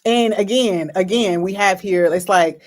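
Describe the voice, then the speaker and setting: A woman's voice: medium pitch, a little slow. A woman giving a casual channeled tarot reading, chatty and rambling, with many fillers and restarts. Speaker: psychic tarot reader.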